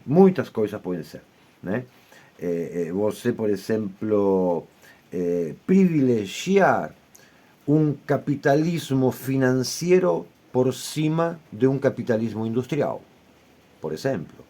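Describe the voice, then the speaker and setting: A man lecturing at a steady, measured pace, explaining ideas step by step. He keeps checking in with the listener through short tag questions. His voice sits in an ordinary middle pitch. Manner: measured, often ends points with tag questions. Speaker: I Ching teacher.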